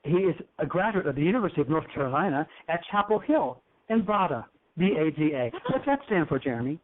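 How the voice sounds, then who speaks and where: A man's voice: on the high side, big pitch swings, fast. A man hosting a talk show in a flamboyant, teasing, effusive manner. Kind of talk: campy talk show chat. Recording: tinny phone-like line.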